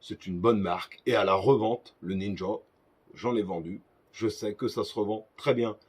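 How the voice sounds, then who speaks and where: Husky-voiced joking man giving fishing tips. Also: fairly low pitch, moderate pace. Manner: joking, crude, chatty asides. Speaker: fishing vlogger. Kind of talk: casual gear advice vlog.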